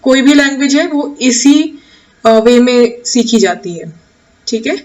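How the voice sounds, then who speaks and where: A woman teacher with an Indian accent, explaining grammar slowly in a lesson, putting an English rule and then restating it in Hindi with questions to the class. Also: fairly high pitch, lively intonation, darkish tone, far from the mic, low-quality recording.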